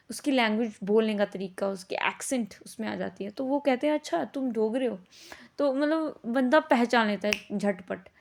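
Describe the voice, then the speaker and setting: Her voice is on the high side and a little mellow as this teacher walks through a lesson in a casual, chatty way. English words slip into what she says, and she frequently uses brief tag questions to make sure students follow.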